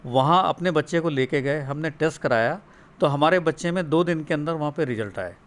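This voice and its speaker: A middle-aged man from Uttar Pradesh, speaking as a father answering questions in an interview. His voice sits a little high, and he explains his points in an earnest, steady way. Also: brisk. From Uttar Pradesh, India. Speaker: guest, father of a student.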